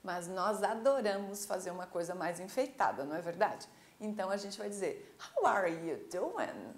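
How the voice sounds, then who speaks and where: A Brazilian woman with a Brazilian Portuguese accent teaching an English class, slowly modeling phrases and checking in with her students. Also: medium pitch, roomy sound. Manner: lively, drawn-out model pronunciation with teacherly check-ins. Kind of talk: online classroom lesson.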